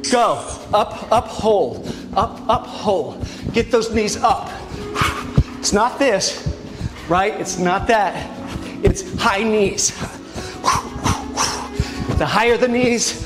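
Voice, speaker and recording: High-pitched male aerobics instructor over music. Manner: motivating, short counted cues and commands. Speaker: fitness instructor. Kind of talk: aerobics instructor leading a HIIT workout. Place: indoor gym. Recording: music behind the voice. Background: workout music.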